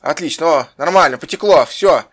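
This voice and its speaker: A man's voice: fairly high pitch, a bit bright, husky. A man playing a whiny injured young man. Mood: groaning. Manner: groaning, complaining, quick comebacks. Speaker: Minecraft role-play player. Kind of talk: improvised game role-play.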